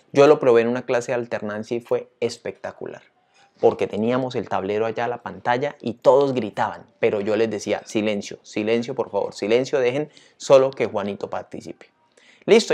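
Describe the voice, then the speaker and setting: A male teacher walking viewers through a tutorial in a lively, chatty way, often asking them questions. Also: mid-range voice. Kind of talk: screen-share tutorial.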